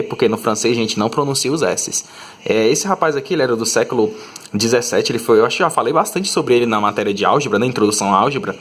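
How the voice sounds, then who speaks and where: A man teaching a math lesson to middle schoolers. He speaks at a medium pitch and explains patiently, one step at a time. He keeps checking in with short questions to make sure his students follow. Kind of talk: recorded classroom lesson.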